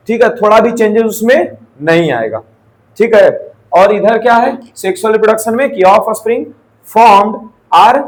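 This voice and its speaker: A man's voice: sits high, rough recording. A young man giving a live classroom lecture in Hindi, mixing in English terms, asking and answering his own questions and checking in with students. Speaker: teacher.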